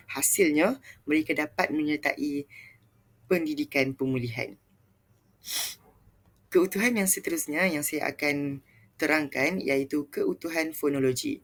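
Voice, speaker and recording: A man's voice: fairly high pitch, a bit bright. A young man with a Malaysian Malay accent gives a student presentation on linguistics, reading steadily from his notes with small restarts.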